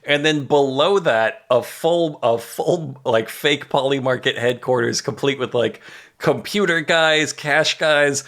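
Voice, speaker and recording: A man's voice: medium pitch, measured pace, fairly bright tone. A man hosting a podcast, recapping a show in casual comedic chat with sweary, incredulous exaggeration. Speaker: podcast host recapping a TV episode.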